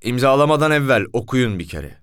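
A man voicing a stern, loud police commissioner who barks orders. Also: medium pitch, sing-song, fairly quick, clear, resonant tone, no echo, clean studio sound. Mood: curt, commanding. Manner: barking orders, shouting.

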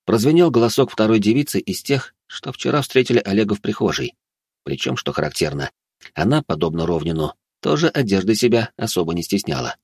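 Low-voiced male audiobook narrator. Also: sing-song, a little fast, darkish tone, slightly rough, no room sound, studio quality. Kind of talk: scripted narration.

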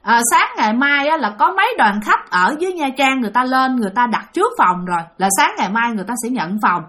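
A woman voicing a gruff older man who runs a small hotel's front desk, curt and scolding. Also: fairly high pitch, expressive, quick pace, fairly bright tone, a little hiss or hum. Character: gruff older male hotel night clerk.

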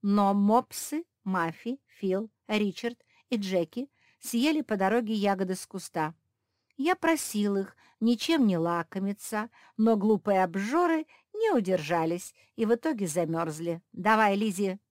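Antuan, a woman doing a loud, mocking villain cat. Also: medium pitch, expressive, unhurried, dry recording, studio quality, lightly acted. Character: scheming sly male cat villain, mocking.

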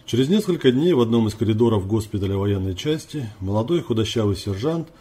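A man narrating a story aloud, voicing the dialogue with raised pitch. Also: lively intonation, quick pace, mellow, husky. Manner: reads dialogue with lifted pitch for characters. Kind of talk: audiobook reading of a story.

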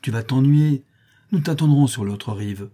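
A man reading a storybook, voicing a quiet, unsure vagabond boy who pleads with his friend. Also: mid-range voice, measured pace, slightly rough. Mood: hesitant. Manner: unconvinced, pleading.

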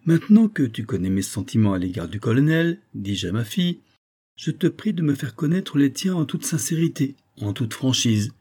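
A man's voice: medium pitch, lively intonation, normal speed, dark tone, slightly rough. A man voicing a frank, fatherly older baron who speaks earnestly and cordially. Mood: warm.

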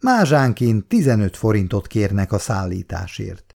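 Man reading a reassuring grown son, low, gravelly, dark. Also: heavily acted. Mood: calm. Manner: calm, reassuring. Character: dutiful grown son, calm and kind.

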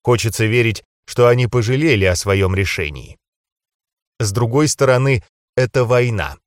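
Male audiobook narrator, mid-pitched, calm and measured, dry close-mic read. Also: no room sound. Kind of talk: first-person fantasy audiobook narration.

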